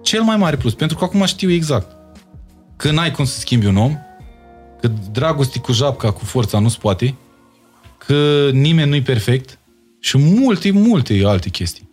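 A man's voice: a little high, very animated, a little mellow, soft background music. A young man with a Moldavian Romanian accent, speaking as an interview guest in casual talk and stressing his points by repeating words.

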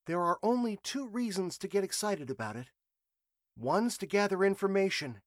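A man's voice: high-pitched, expressive, normal speed, dry recording, studio quality, pitched above the performer's own voice. A man voicing an observant, cautious young woman reporter in a storybook reading. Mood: reasoning.

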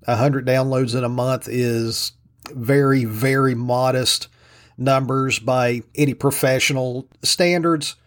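A man with an Appalachian-style Southern US drawl, hosting a casual solo podcast in a humble, self-deprecating way. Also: medium pitch. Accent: Southern US hillbilly drawl, Appalachian-like.

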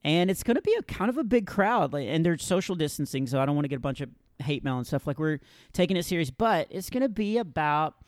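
A middle-aged man hosting a comedy podcast, telling stories in a lively, teasing way and laughing often. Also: a little high, fast, no echo, clean studio sound. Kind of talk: casual comedic banter.

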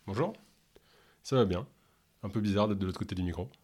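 A man from Ontario who speaks French with no accent, answering interview questions in a halting way with many fillers. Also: fairly low pitch, darkish tone, breathy edge. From Canada, Ontario. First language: English. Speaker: podcast host and health coach.

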